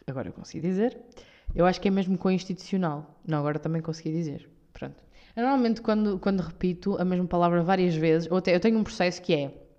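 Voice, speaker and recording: Young woman podcaster from Portugal, European Portuguese accent, rambly and self-mocking, low mellow voice, dull lo-fi sound. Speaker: podcast host. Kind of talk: casual solo podcast monologue.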